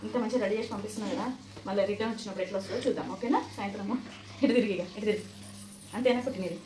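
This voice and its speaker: A woman's voice: very fast, noisy background. Mother. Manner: coaxing and bustling, rising to a loud high pitch when hurrying the kids. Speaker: mother and vlogger. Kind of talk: casual family vlog.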